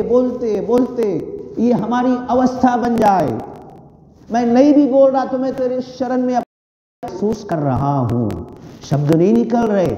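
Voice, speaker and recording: A man's voice: very high voice, warm tone. A man giving a devotional sermon, earnest and fervent, repeating phrases with rising feeling. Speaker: preacher. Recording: dull, echoey hall recording.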